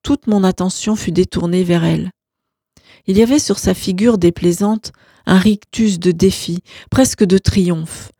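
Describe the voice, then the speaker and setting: A woman reading a novel aloud as narrator, in calm, even storytelling. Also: lowish voice, measured pace, slightly rough, no room sound, clean studio sound. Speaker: audiobook narrator.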